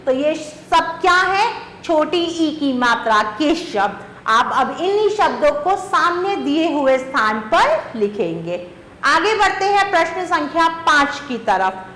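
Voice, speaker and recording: Woman teacher, children's reading lesson, high voice, slow drawn-out words, roomy echo. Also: big pitch swings, a bit bright, slight background noise. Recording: echoey room.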